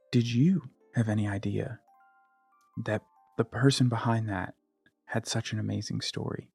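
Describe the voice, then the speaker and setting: A man hosting a podcast interview, thanking his guest and telling a story in a relaxed, chatty way. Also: lowish voice, vocal fry, breathy edge, dry recording. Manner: relaxed storytelling, acts out quoted lines. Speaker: podcast host. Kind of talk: casual interview chat.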